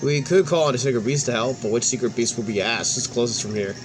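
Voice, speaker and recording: A man hosting a let's play reads game cutscene dialogue aloud, sometimes stumbling and restarting words. His mid-range voice moves fast over background music, with a slight hiss or hum.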